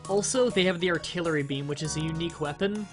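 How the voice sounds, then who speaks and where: A young man with a nasal, high voice and a slight sickness talks fast over music during casual let's-play commentary. He rambles as he explains the mechanics, often using fillers and starting over.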